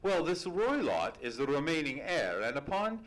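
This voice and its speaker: A man playing an earnest, loyal gentleman doctor who narrates and speaks in a live old-time radio play, formally worded. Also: a little high, big pitch swings, rough recording. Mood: earnest, concerned. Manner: formal, earnest, measured storytelling. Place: live on a theatre stage.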